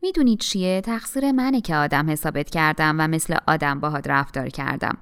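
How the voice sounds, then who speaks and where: Angry domineering dad yelling at his son, audiobook reading, woman narrating. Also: low voice, clean tone, pitched below the performer's own voice. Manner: shouting, scornful. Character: enraged, domineering middle-aged father.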